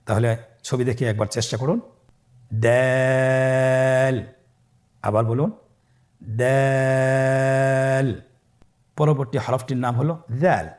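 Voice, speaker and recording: Set against background music, a man with a mid-range voice and a Bangladeshi accent calmly teaches Arabic letters for Quran recitation in stages. He draws out each sound and has listeners repeat after him.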